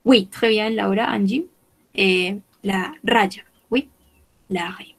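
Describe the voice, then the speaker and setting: Very slow woman teaching French vocabulary. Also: medium pitch, vocal fry. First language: Spanish. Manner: very slow, repeats each word deliberately. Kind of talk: online language lesson.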